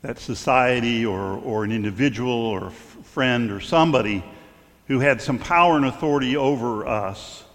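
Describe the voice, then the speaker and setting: A man's voice: mid-range voice, normal speed, a bit bright. Man preaching in a reverberant hall. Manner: conversational storytelling with stumbles and fillers. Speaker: clergyman. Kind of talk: sermon.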